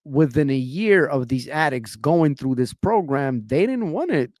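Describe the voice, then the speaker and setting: A man's voice: on the high side, lively intonation, measured pace, darkish tone, no room sound, clean studio sound. A young man from Ukraine hosting a podcast interview, talking in an impassioned way and often tacking on "man" and "you know what I'm saying". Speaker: podcast host.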